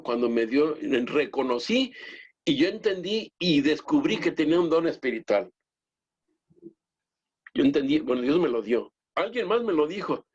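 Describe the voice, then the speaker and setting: Male lay preacher, husky voice, halting earnest delivery, muffled lo-fi recording. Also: on the high side. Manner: earnest, halting with many restarts, addresses the brethren directly. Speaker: lay pastor. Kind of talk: church teaching talk. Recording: dull lo-fi recording.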